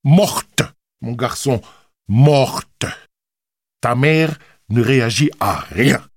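A man's voice: medium pitch, very slow, clean studio sound. A man reading an audiobook, voicing a blunt, scornful uncle with a cavernous voice and a mocking, emphatic delivery. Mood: insistent. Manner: mocking, emphatic, swings from loud to hushed. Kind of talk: audiobook character voice.

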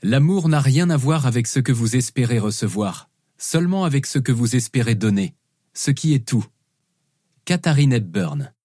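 A male audiobook narrator telling a first-person story with an animated, expressive delivery. His voice sits at an ordinary pitch and moves a lot within each sentence. The recording is dry and close, with no room sound. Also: normal speed, no echo. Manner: expressive storytelling with lively shifts.

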